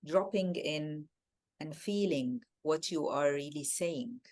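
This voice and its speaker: Speaking slowly in a deep voice, this interview guest is a native Arabic speaker from Egypt with an Egyptian Arabic accent. Her answers come out soft and thoughtful. She frequently repeats words as she looks for what to say.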